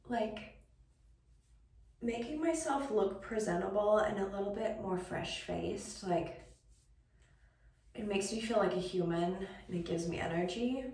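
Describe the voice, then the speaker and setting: A woman's voice: mid-range voice, darkish tone. A woman vlogging on her phone at home, chatting casually in a rambling, self-deprecating way. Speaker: vlogger and photographer. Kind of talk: casual vlog chat. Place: at home, indoors. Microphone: phone held by the speaker. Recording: roomy, distant phone audio with faint noise.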